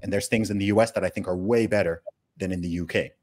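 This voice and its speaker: A man's voice: deep voice, quick pace. A man born in the UK and raised in Saudi Arabia, hosting a casual podcast conversation, emphatic and full of rhetorical questions. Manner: animated, emphatic, rhetorical questions, frequent restarts. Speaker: podcast host.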